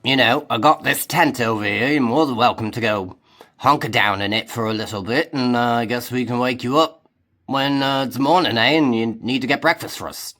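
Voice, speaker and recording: A man doing a loud, blunt pirate captain. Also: mid-range voice, normal speed, lightly acted. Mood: friendly.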